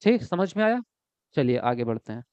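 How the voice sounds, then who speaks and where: A man teaching an exam-prep class online, lively and repetitive, often checking whether his students follow. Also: medium pitch, moderate pace, smooth, no echo, lo-fi sound. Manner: lively, repeats words and asks students if they follow.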